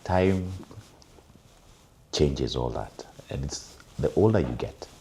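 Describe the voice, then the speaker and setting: A man's voice: very deep voice, lively intonation, slow pace, warm tone, slight background noise. A man, a guest in a casual panel chat, telling reflective stories with fillers.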